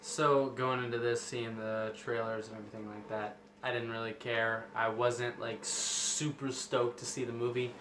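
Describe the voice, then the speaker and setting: Guy chatting about a movie, pretty monotone, roomy echo. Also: mid-range voice, moderate pace, few pauses. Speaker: film review co-host. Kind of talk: casual movie review chat. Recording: roomy echo, faint background noise.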